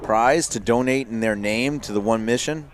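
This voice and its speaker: A man giving live paintball commentary in a relaxed way, with many fillers and restarts. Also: mid-range voice, normal speed.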